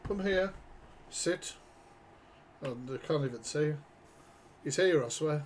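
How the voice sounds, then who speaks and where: A man's voice: a little high, expressive, measured pace, slight background noise. A man hosting a casual live reaction stream from home, sweary and chatty, wearing headphones. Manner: sweary, chatty, mock-exasperated. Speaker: livestream reaction host. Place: home, talking to his pet.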